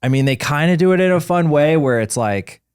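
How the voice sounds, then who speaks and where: A man's voice: fairly high pitch, animated, brisk, darkish tone, clear, resonant tone, no echo, studio quality. A man in his forties, co-hosting a podcast in casual chat and rambling through fillers and restarts. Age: 40s. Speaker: podcast co-host.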